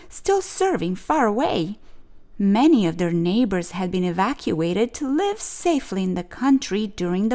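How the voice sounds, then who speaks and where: Here a woman with a mid-range voice performs a children's picture book as a storyteller would, bringing expression and clear phrasing to the narration.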